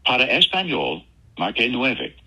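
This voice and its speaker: Man, recorded phone menu message, very bright, husky, evenly announced prompts. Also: mid-range voice, huge pitch swings, moderate pace, low-quality recording. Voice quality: evenly paced, announcing manner. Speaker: automated pharmacy phone system.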